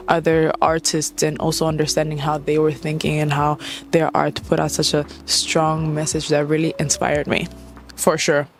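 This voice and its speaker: Chatty, playful young woman. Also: deep voice. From Mozambique. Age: young adult. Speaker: singer-songwriter. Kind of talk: casual Q&A vlog.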